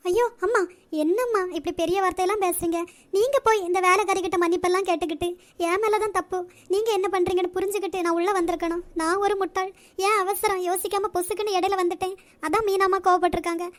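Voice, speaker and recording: A woman's voice: very high voice, steady tone, quick pace. A woman voicing a timid, humble young maid in a cartoon, apologetic and meek.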